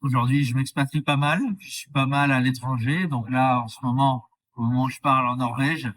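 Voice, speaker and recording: Earnest baker from the Drôme, set back from mic. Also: male voice, mid-range voice, fairly quick, distant mic. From France, Drôme. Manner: earnest, explanatory, lively. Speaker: baker, guest. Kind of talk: interview answers.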